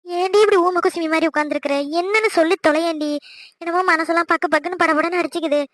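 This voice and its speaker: A woman's voice: extremely high pitch, steady tone, quick pace, a bit bright, dry recording. A woman voicing a fretful scolding mother. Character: worried talkative Tamil mother, middle-aged. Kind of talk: cartoon voice acting.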